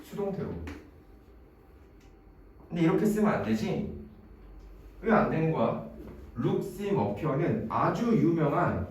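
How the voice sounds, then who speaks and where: A man's voice: fairly high pitch, very animated, slow pace, pauses often, darkish tone. A man teaching an exam-prep English grammar lecture in a classroom, quizzing students by name and using playful memory tricks. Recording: very echoey room, voice from a distance, faint noise.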